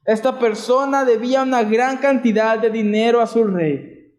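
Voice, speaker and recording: A Mexican Spanish-accented man preaches a sermon in a high voice. He asks the congregation question after question and puts scripture into everyday words. His voice rings through an echoey church hall. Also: normal speed, a little mellow. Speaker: pastor.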